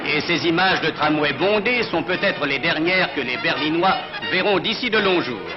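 A man's voice: on the high side, lively intonation, moderate pace. A man narrating an old newsreel in a formal, declamatory style. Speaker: newsreel announcer. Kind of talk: scripted 1940s newsreel commentary. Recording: dull lo-fi archival film sound with loud music.

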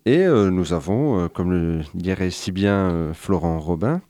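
A man hosting a radio interview, his voice very low and mellow. He hesitates often and fills gaps with fillers. The studio sound is dry and close. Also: measured pace, dry recording. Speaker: radio host.

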